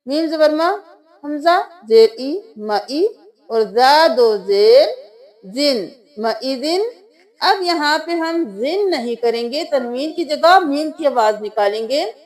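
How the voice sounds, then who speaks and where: High-voiced woman teaching Quran reading. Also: lively intonation. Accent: Pakistani Urdu. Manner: patient step-by-step explaining, then slow drawn-out chanting of verses. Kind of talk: spelling-out recitation lesson.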